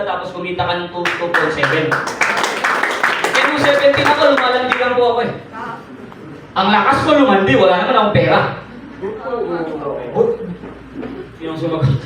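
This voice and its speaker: A man's voice: sits high, a bit bright, a little hiss or hum. A young man telling a comic story about himself to a live audience, teasing the crowd with questions. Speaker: speaker sharing his testimony. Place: event hall. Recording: echoey hall, mic from a distance.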